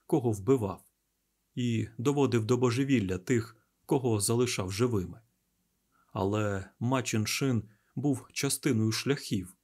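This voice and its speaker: A man reading a fantasy audiobook in a steady, deliberate storytelling manner with dramatic pauses. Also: mid-range voice. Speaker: audiobook narrator.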